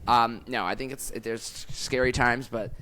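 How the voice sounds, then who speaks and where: A man in his thirties co-hosting a podcast, talking in a loose, animated way, laughing often and jumping between topics. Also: mid-range voice, unhurried, slight background noise. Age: 30s. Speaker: podcast co-host. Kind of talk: casual chat.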